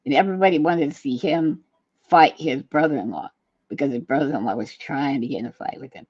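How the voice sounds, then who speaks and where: A man co-hosting a loose chat, rambling through stories and throwing in jokes. His voice sits at a middle pitch. The sound is dry and a little dull. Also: fairly quick, dry recording. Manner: rambling, jokey storytelling. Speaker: podcast co-host. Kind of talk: casual banter.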